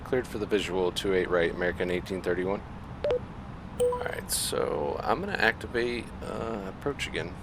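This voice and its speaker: A man talking into a pilot cockpit headset, giving crisp radio readbacks to air traffic control and relaxed commentary between calls. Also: low-pitched, normal speed. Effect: speaking into a pilot cockpit headset mic. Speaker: flight simulator pilot. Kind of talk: ATC radio readbacks mixed with casual commentary. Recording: loud steady background noise.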